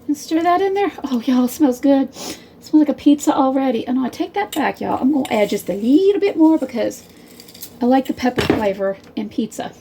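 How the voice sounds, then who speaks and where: A friendly woman talks her way through a home recipe in a loose, rambling style, calling her viewers y'all. Her voice sits a little high for a woman. Faint clatter of dishes and pans comes from her kitchen behind her. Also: animated, brisk, vocal fry, background noise. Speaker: home cook, channel host. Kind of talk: casual cooking demonstration.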